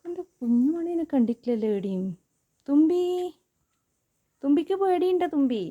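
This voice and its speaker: A woman's voice: high-pitched, expressive, normal speed, narrow, tinny audio. A woman, coaxing her pet cats in sing-song baby talk full of repeated questions. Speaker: pet owner vlogger.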